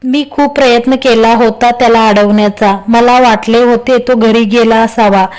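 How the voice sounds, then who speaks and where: A woman's voice: on the high side, steady tone, moderate pace, a little mellow, close to an everyday voice. A woman voicing an angry, scheming young woman who snaps back defensively, in a read-aloud storybook.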